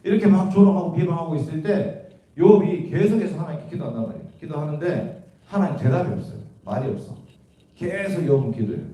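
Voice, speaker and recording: A man's voice: a little high, dark tone. A man teaching a Bible class, asking students questions and explaining the verses. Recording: echoey room from far off.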